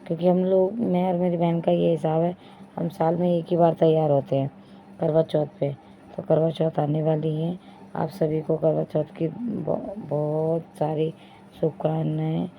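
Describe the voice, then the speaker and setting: Woman, young adult, casual vlog narration, flat monotone, gravelly, faint background noise. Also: low-pitched. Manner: chatty, addresses viewers directly, repeats "dekhiye". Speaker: vlogger. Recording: dull lo-fi phone audio with faint noise.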